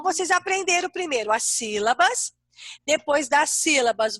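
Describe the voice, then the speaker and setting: Bright, high-voiced Brazilian teacher. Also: female voice, no echo, clean studio sound. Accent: Brazilian Portuguese. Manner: warm, sing-song teacher talk to small kids. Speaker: primary school teacher. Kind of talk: online class for young children.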